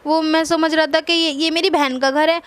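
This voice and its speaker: A woman's voice: sits high, steady tone, normal speed, a bit bright, dry recording. A woman voicing a frightened young male thief in a doll story, stammering and begging. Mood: scared.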